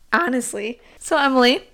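A woman's voice: high voice, sharp tone. A woman co-hosting a podcast in casual chat, rambling a little with fillers. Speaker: podcast co-host.

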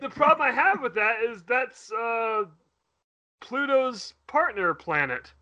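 A man's voice: very high-pitched, expressive, takes it slowly, sharp tone, muffled recording. A man in casual chat, playful, asking questions and joking with friends. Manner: playful, asks questions and jokes.

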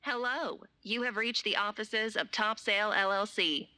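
A woman voicing an automated office phone menu, with a measured, polite, impersonal delivery. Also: mid-range voice, steady tone, heavy background noise, natural voice. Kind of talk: recorded phone menu announcement.

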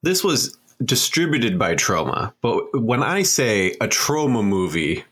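A man's voice: medium pitch, big pitch swings, unhurried, fairly bright tone, husky. A man co-hosting a podcast in casual chat, dry and laid-back, with lots of filler words. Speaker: podcast co-host.

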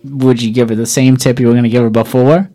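A man's voice: mid-range voice, flat delivery, fast, mellow, no echo. A man co-hosting a radio show with casual, joking banter.

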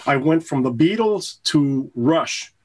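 Guitarist dude from puerto rico, slightly high voice, laid back, lots of ums. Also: male voice, slow. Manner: relaxed storytelling with fillers. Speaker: guest guitarist. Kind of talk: casual interview chat.

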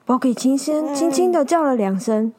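A woman telling a children's story, animated and asking her young listeners to join in. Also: high voice, normal speed, crowd noise.

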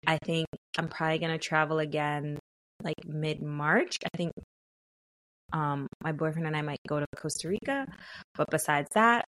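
A woman co-hosting a podcast in casual chat, animated and playful, often laughing. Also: deep voice, moderate pace, dry recording. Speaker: podcast co-host.

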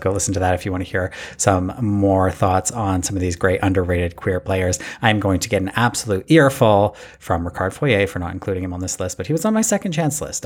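A man hosting a podcast in a casual, chatty and excitable way. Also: on the low side. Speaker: podcast host.

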